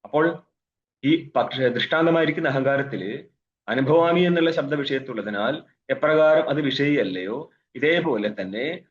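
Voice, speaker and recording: A man's voice: mid-range voice, animated, moderate pace, lo-fi sound. A man teaching a scripture class as a swami, explaining by asking questions and answering them himself, with Sanskrit recitation and wry asides. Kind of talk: philosophy class lecture. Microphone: online video call.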